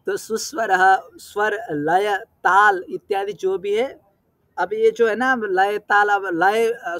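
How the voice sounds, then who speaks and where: High-voiced male teacher, patient and clear. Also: a bit bright, no echo, studio quality. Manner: patient, checks understanding with questions; recites verse terms slowly and deliberately. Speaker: Sanskrit teacher. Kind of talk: explanatory lesson.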